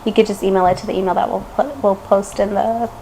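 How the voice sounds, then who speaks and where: A young woman co-hosting a podcast, reading a story aloud and chatting casually with a relaxed, chatty manner. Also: medium pitch, fast, a crowd in the background, rough recording. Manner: relaxed, chatty, laughs often. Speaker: podcast co-host.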